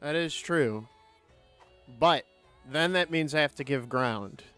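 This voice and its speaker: A man's voice: fairly high pitch, takes it slowly, pushed and bright, faint music behind. A young man streaming a game, teasing his friends in casual profane chat and talking to his chat.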